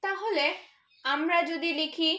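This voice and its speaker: A woman teaching a children's English lesson, spelling out words slowly and patiently, letter by letter. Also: extremely high pitch, pushed and bright. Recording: echoey room.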